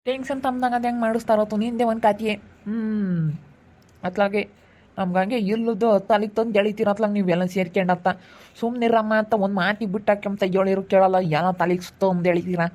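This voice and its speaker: A woman's voice: medium pitch, steady tone, quick pace, darkish tone. A woman complaining in a family vlog, sounding exasperated. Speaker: family member. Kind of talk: casual family chat.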